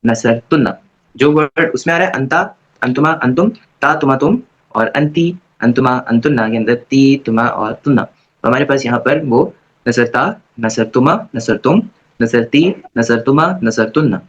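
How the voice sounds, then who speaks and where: A man teaches an online Arabic grammar class at a medium pitch. He keeps checking in with his students and slowly chants verb conjugations aloud. The recording sounds dull and lo-fi. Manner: casual and repetitive, checking in with "theek hai?" after every point.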